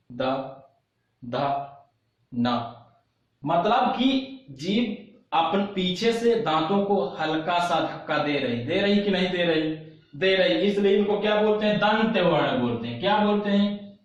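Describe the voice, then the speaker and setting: A man teaching an online class, asking questions and answering them himself, repeating key terms and slowly demonstrating sounds. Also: high-pitched. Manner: slow, drawn-out demonstration of sounds. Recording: very echoey, dull lo-fi room recording.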